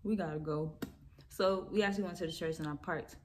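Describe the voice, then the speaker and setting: A woman's voice: deep voice, steady tone, a little fast, a little mellow, slight background noise. A young woman casually telling a storytime tale, rambling with lots of fillers and laughing as she goes.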